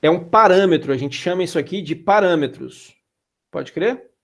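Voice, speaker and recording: A man's voice: high voice, moderate pace, gravelly. A man teaching an introductory programming class in a casual way, checking in with students and throwing in slangy asides. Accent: Brazilian Portuguese. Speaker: instructor. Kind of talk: classroom lecture.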